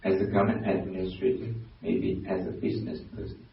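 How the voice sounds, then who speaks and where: A man with a Burmese accent, a Buddhist monk giving a dharma talk, pausing and restarting often as he searches for words. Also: sits low, completely flat delivery, gravelly, slight background noise. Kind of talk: dharma talk to a lay audience. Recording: very echoey hall, distant mic, dull lo-fi sound.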